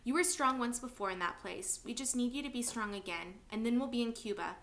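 A woman doing a soft, soothing mother. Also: a little high, fairly quick. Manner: soft, reassuring.

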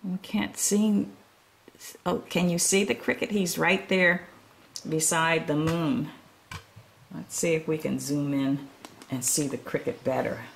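A woman reading a children's picture book aloud, pausing to sympathize and ask the listeners questions. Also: sits low, fairly even intonation, gravelly, slight background noise. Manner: gentle, asks listeners questions; sympathetic, comments between pages. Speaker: storytime reader.

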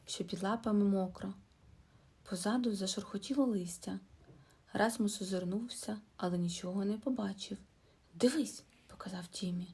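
A woman reads a children's fairy tale aloud in a soft, mellow voice. Her tone is slightly husky, and she brings the characters to life with lively voices. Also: mid-range voice. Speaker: storyteller.

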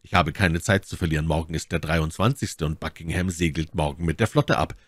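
A grim young officer, as a male storyteller reads him, devoted and resolute, speaking low and hushed. His very deep voice stays quiet and dry, close to the mic, in a storybook reading. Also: fairly quick, dry recording.

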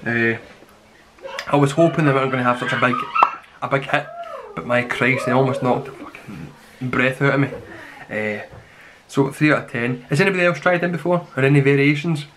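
A man in his twenties giving a rambling, casual review to camera, grumbling in a deadpan way. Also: mid-range voice, brisk, pauses often. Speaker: snack reviewer. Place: small plain room indoors. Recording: clearly noisy home recording with clicks.

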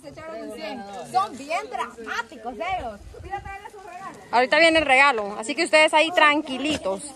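A woman's voice: high-pitched, lively intonation, brisk, hardly any pauses. A woman co-hosting children's games at an outdoor event, encouraging and playful with the kids. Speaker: event co-host. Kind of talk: animated game hosting. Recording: crowd noise outdoors.

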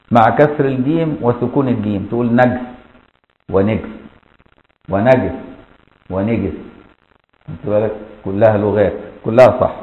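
Fast-talking Egyptian man teaching in an echoey room. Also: medium pitch. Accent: Egyptian Arabic. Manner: explains step by step, often asks "got it?". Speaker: Islamic jurisprudence teacher. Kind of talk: colloquial classroom lesson. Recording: echoey, dull lo-fi room recording.

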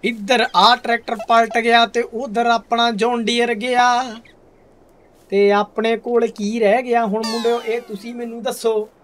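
A man's voice: extremely high pitch, little pitch movement, a little slow, a bit bright. A young man giving casual gameplay commentary, full of hearty, exclamatory banter aimed at his viewers. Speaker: gaming video host. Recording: distant mic, faint background noise.

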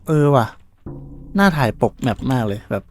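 Give me a man doing excitable, casual gameplay commentary with faint music underneath. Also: medium pitch, moderate pace. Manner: excitable, swears casually, keeps exclaiming. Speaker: gaming video creator. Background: faint game soundtrack.

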